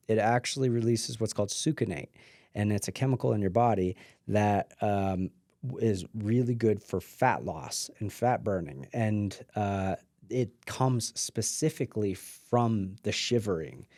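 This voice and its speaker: Mellow-voiced man rambling casually. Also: on the low side, unhurried, no echo, studio quality. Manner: rambling, filler-heavy, trails off quietly. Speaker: podcast guest. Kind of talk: casual conversation. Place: mountain home.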